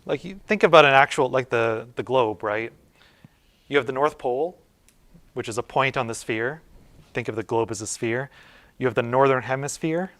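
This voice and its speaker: A man's voice: medium pitch, moderate pace, a bit bright. A man lecturing a university class in a loose, informal way, thinking aloud with many fillers, restarts and "right?" checks. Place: lecture room.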